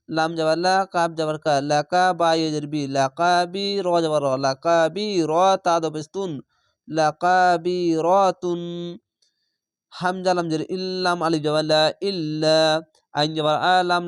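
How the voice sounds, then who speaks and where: Male Quran teacher, patient repetitive spelling drills, slightly high, clean voice, dry recording. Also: clean tone, no echo. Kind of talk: letter-by-letter spelling lesson.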